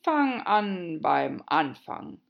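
A woman voicing a pompous storybook king who speaks slowly and weightily. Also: lowish voice, very animated, creaky, dull audio, full character voice. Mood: pronouncing. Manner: self-important, ponderous. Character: pompous, fretful king of a card court.

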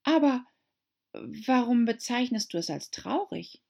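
Woman putting on a bright little girl voice, eager, polite, way up high, bit husky. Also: big pitch swings, a little slow, heavily acted. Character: curious polite young girl.

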